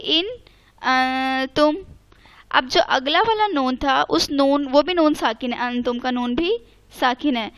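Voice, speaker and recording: A high-pitched woman gives an online recitation lesson. Her voice is smooth and clear, and she patiently walks through each rule, sounding out letters slowly and slipping in English words. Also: fairly bright tone. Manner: patient, explains step by step and spells out letters slowly; mixes English words into Urdu. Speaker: Quran recitation teacher.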